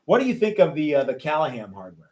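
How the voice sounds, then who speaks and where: Higher voiced guy running a guitar workshop, rambly, keeps repeating himself. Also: big pitch swings, fast talker, darkish tone. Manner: rambling, repeats words and restarts often. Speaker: guitar-building workshop instructor and host. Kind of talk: casual chat with students.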